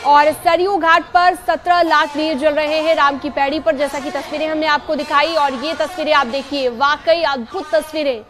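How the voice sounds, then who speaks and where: A woman's voice: sits high, steady tone, normal speed, few pauses. A woman anchoring live television news, describing pictures fluently and handing over to reporters.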